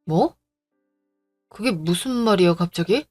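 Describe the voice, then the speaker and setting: A woman voicing a gentle, devoted young man who pleads softly, in a storybook drama reading. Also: on the low side, animated, unhurried, soft background music, pitched below the performer's own voice. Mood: pleading. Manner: pleading, soft-spoken.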